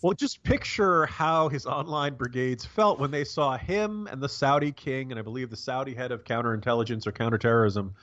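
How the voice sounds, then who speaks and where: An American man giving casual, wry political commentary as a podcast co-host, halting and rambling with a sarcastic bent. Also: medium pitch, a bit bright, muffled recording.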